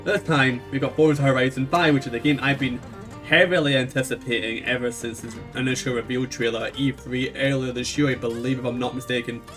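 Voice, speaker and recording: A man's voice: medium pitch, steady tone, a little fast, a bit bright. A man with a thick Scottish accent, chatting casually through a game he plays, rambling with lots of fillers. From Scotland. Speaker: gaming YouTuber. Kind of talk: casual let's play commentary. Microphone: echoey home mic. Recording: slightly echoey mic, faint game music.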